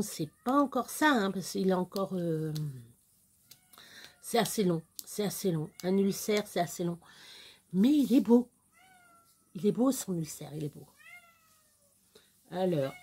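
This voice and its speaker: A woman's voice: medium pitch, dark tone, breathy edge. A woman chatting casually and bluntly into her phone camera at home late at night. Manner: chatty and unfiltered, coos at her pets. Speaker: vlogger. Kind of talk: casual night-time vlog.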